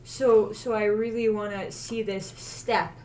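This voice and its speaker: A woman's voice: mid-range voice, little pitch movement, unhurried, darkish tone, recorded from a distance. A woman talking earnestly in a casual group movie discussion. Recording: off-mic with faint room noise.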